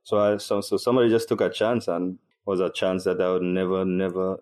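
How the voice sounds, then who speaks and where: Deep-voiced man, relaxed. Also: a little fast. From Trinidad and Tobago. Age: 30s. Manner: relaxed storyteller, laughs easily, restarts often. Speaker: podcast guest, university lecturer. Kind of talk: casual interview chat.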